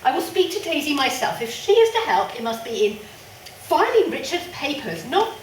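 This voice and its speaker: An actress playing a worried, conventional sister who coaxes and frets in a stage play. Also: female voice, high voice, big pitch swings, normal speed, a little hiss or hum. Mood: concerned. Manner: anxious, coaxing, proper. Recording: echoey stage sound from a distance.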